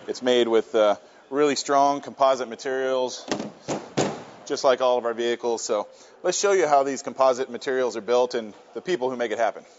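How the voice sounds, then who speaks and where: A man's voice: mid-range voice, a little fast, muffled recording, slight background noise. A man leading a casual walking tour of a workshop, friendly and plain-spoken with frequent fillers. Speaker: company tour guide. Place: workshop and offices, indoors.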